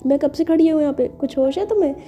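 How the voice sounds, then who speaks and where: A woman's voice: high voice, quick pace, mellow, dull audio, soft background music, natural voice. A woman voicing a shameless, teasing female boss who jokes with her friends in a storybook romance. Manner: playful, mocking banter.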